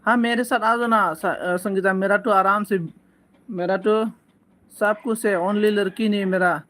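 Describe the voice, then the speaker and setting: A man hosts a casual live stream, answering viewer comments with playful teasing. He speaks slowly in a fairly high voice and often breaks off to cough. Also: fairly even intonation, fairly bright tone. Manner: slow, playful teasing banter with frequent coughs.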